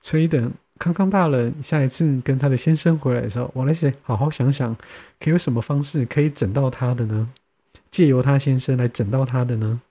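This young podcast host speaks with a Taiwanese Mandarin accent in a warm, medium-pitched voice, a little fast. Chatty and quick to laugh, he tells stories in casual conversation and acts out his friends' lines.

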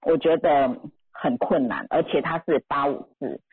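A woman hosting a live chat who speaks candidly, with a very breathy voice and a lively, swinging pitch. The sound is narrow and thin, as if it came over a phone line. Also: unhurried, soft background music. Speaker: podcast host and teacher. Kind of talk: casual live podcast chat.

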